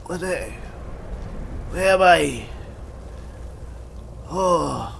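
A man playing a barbarian adventurer with a bright, gravelly voice and a very slow, halting delivery. He is boisterous and exclamatory as he narrates his game in character, with some background noise. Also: fairly high pitch, expressive. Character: boisterous male barbarian adventurer eager to fight. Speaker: player and host of a role-play gaming series. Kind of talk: in-character video game commentary.

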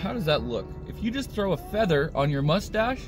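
Man in his thirties, lively intonation, casual reviewer, car interior, background music. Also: high voice, a little fast. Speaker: food reviewer. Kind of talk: casual vlog chat. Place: inside a car. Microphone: phone at arm's length.

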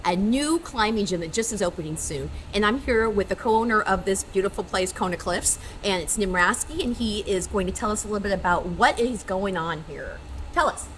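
An upbeat woman vlog host chats with business owners and fills her pauses with ums. Steady background noise runs under her camera audio. Her pitch is middle for a woman. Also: rough recording. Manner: upbeat, chatty, many ums. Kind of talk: casual on-location interviewing.

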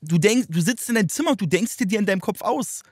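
A man hosting a casual reaction chat, animated and slangy and quick to laugh. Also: sits high, dry recording, studio quality. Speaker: host.

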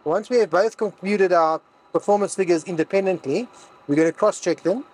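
A man's voice: sits high, brisk, a little mellow, slight background noise, low-quality recording. A man walking through a cockpit setup as a pilot instructor, reading out each setting step by step in a cockpit. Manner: methodical, reads out settings step by step. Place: aircraft cockpit.

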